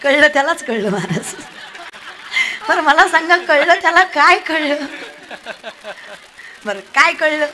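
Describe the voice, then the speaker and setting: A high, bright woman's voice carries a humorous devotional sermon from a stage. She teases her listeners and slips in and out of the people in her stories. Her tone stays sharp and penetrating throughout. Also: a little slow, pauses often. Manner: lively, teasing the audience, acts out characters in the tale. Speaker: kirtan preacher.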